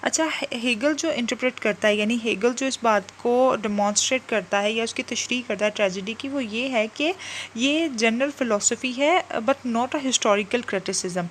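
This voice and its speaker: A woman teacher lecturing on literary theory, slowly and carefully over English quotes. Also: a little high, a little hiss or hum, low-quality recording. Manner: explains in a mix of Hindi-Urdu and English, slow over English quotes. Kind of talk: lecture explaining a literary text.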